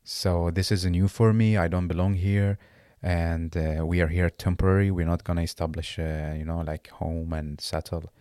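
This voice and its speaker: This guest is a man in his late twenties, originally from Iraq, whose very deep voice carries a dark, level tone; English is not his language. Chatting in a casual interview, he falters and starts phrases over as he searches for words. There's no echo, just a dry, close sound with little space around it.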